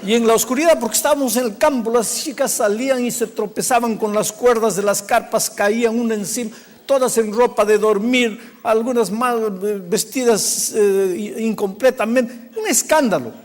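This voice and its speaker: An older man from Peru, a pastor telling a story in a sermon, acting out the dialogue and dropping to a hush at emotional moments. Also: very high voice, normal speed. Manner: animated storytelling, acting out quoted dialogue with hushed emotional drops. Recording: long hall reverb.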